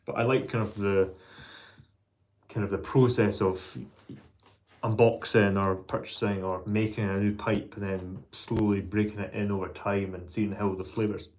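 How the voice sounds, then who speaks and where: A man chatting casually as a pipe maker on his vlog, thinking aloud in a halting way and repeating words. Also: lowish voice, little pitch movement, a little mellow. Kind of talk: casual, rambling hobby vlog chat.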